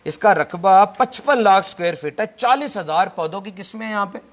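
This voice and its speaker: A man's voice: sits high, lively intonation, fairly quick. A young man giving a motivational lecture to a live audience, firing off lists and rhetorical questions and mixing in English phrases. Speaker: motivational speaker.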